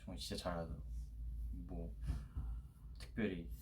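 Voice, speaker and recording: A young man in his twenties with a very low, deep voice, co-hosting a casual livestream chat. He talks in a relaxed, halting way, often pausing on fillers, and a faint hiss sits under his voice. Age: 20s. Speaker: livestream co-host.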